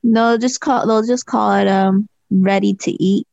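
A woman co-hosting a podcast, talking in a relaxed casual way. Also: mid-range voice, measured pace, creaky, dry recording. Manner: relaxed, laughs along easily. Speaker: podcast co-host. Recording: dull lo-fi dry audio.

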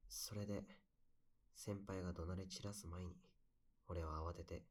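A low-pitched young man, played by a male voice actor, shares memories in a bedside audio drama. He is wistful and soft-spoken, telling his story intimately, as if to one close listener. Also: fairly even intonation, measured pace. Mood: wistful, tender.

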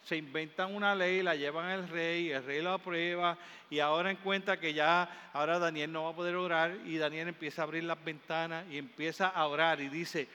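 A man with a Caribbean Spanish accent preaches with fervor. His voice sits high and cuts bright through the space. A long hall reverb trails each emphatic phrase. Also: fairly even intonation, normal speed, hardly any pauses, clear, resonant tone. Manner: fervent, builds up in emphatic repeated phrases. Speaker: pastor. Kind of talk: sermon. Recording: long hall reverb, faint room noise.

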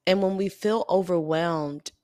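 A woman's voice: on the low side, unhurried, no echo, clean studio sound. Earnest, tired woman podcaster. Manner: earnest, confiding, with soft laughs. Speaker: podcast host. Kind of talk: reflective solo podcast talk.

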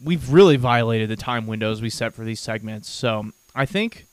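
A man's voice: medium pitch, expressive, moderate pace, dry recording. A young man co-hosting a podcast, teasing his friend in a jokey way and laughing easily. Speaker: podcast co-host. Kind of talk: casual chat.

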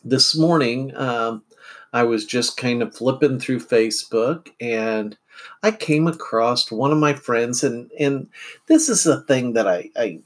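A man's voice: medium pitch, a little slow. A middle-aged man from central Illinois hosting a casual morning podcast from home, rambling with many fillers and restarts. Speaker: podcast host.

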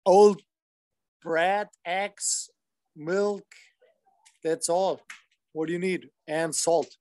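A man with a German accent chatting in halting English on a video call, searching for his words. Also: sits high, steady tone, a little mellow, dry recording. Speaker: friend. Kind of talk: casual chat.

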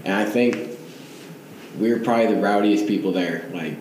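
A young man with a hoarse edge tells an animated, rambling story in casual chat. He sounds like he is in a very echoey room. A faint hiss sits under his voice. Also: lowish voice, moderate pace. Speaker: college wrestling teammate.

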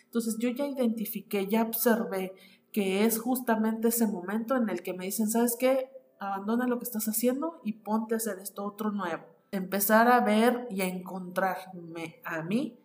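A woman's voice: mid-range voice, a little mellow. A woman with a Mexican Spanish accent, an ontological coach hosting a solo podcast, explaining ideas to her listeners and often checking in with tag questions. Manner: explanatory, addresses listeners directly with frequent "¿no?" tags.

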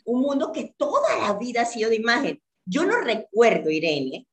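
A woman's voice: a little high, sing-song, normal speed. Earnest woman telling her story. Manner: earnest, repeats words for emphasis. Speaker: guest. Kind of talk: emotional personal storytelling.

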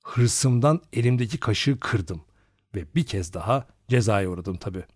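A man narrating a novel as an audiobook, with expressive storytelling. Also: lowish voice, measured pace, husky, no room sound, clean studio sound.

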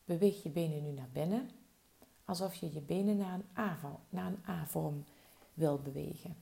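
A woman guiding a slow body-relaxation meditation with soft, soothing instructions. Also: deep voice, vocal fry. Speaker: relaxation guide.

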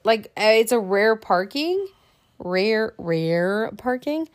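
A woman's voice: medium pitch, sing-song, takes it slowly. Chatty woman laughing often. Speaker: podcast co-host. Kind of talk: casual chat.

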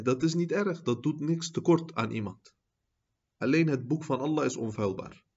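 A man teaching a religious lecture on a classical book, mixing in Arabic phrases and asking "zie je?" often, and rising to loud, high-pitched emphasis when he makes a point. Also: breathy edge, lo-fi sound. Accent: Dutch. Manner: peppers speech with Arabic phrases and repeated "zie je?".

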